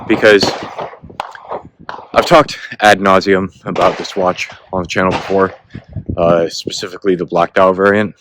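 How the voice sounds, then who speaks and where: A man vlogging while he hikes, a little out of breath, talking in a rambling, laid-back way with lots of filler words. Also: low-pitched. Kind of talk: casual vlog talk while hiking. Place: outdoors on a hiking trail. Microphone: self-filming camera. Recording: noisy outdoor recording, gunfire. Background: distant gunfire from a shooting range.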